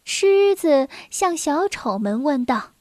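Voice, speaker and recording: A woman narrating a children's story in a gentle, expressive read-aloud manner, adding little asides to young listeners. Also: high-pitched, takes it slowly, no echo, clean studio sound.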